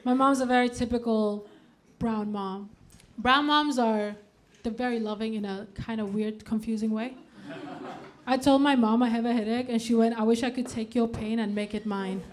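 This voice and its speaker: A Danish woman in her thirties performs a stand-up set on a club stage, deadpan but breaking into punchy outbursts. Her voice is fairly high-pitched and her pace moderate.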